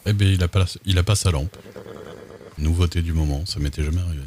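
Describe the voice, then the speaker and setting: A man's voice: sits low, quick pace, noisy background. A man chatting casually while streaming a game, laid-back and hesitant, often stopping on fillers. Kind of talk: casual gameplay chat.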